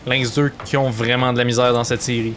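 A man with a Quebec French accent doing excited sports commentary of a video game match in running, fragmented phrases. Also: mid-range voice, brisk, a little hiss or hum. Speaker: esports commentator.

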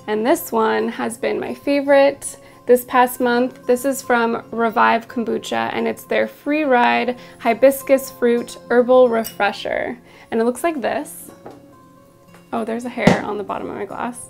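A young woman vlogger with a raspy voice, chatting casually about her favorite products at home, with lots of ums and asides. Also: a little high. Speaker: beauty and lifestyle vlogger. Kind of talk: casual product review to camera.

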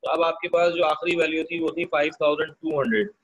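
A man teaching an online accounting lesson. He explains each step slowly and keeps asking his students for the answers. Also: on the high side, lively intonation, creaky, low-quality recording.

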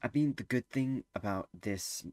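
A man's voice: medium pitch, normal speed, darkish tone, no echo. A teenage boy giving casual gameplay commentary, rambling and hesitant with lots of fillers. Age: teens. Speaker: gameplay streamer.

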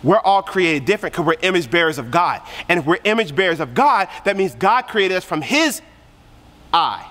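High, bright-voiced preaching man in hall. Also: big pitch swings, normal speed. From Korea. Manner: passionate preaching, repeats phrases for emphasis. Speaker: youth pastor. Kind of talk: sermon. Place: church hall. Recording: long reverb of a church hall.

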